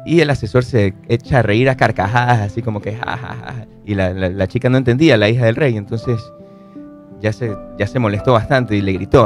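Ecuadorian man, morning radio co-host, relaxed and rambling storyteller, light music bed. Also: mid-range voice. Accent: Ecuadorian Spanish. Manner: relaxed, rambling, searches for words. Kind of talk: casual storytelling chat.

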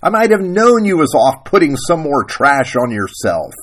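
A man's voice: a little high, sing-song, takes it slowly, mellow, breathy edge, pitched above the performer's own voice, full character voice. A man voicing a harsh, self-righteous, pious rural wife who scolds in coarse rural grammar, during a sermon story. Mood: scornful.

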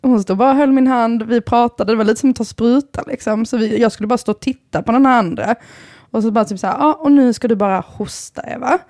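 A woman's voice: fairly high pitch, a little mellow, dry recording, studio quality. A woman in casual chat, playful and teasing.

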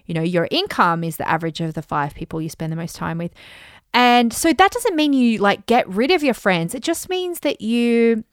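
A woman's voice: fairly high pitch, moderate pace, clear, resonant tone, dry recording, clean studio sound. Chatty woman giving advice. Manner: chatty, animated, oversharing with many fillers. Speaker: business and money coach. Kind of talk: casual advice talk.

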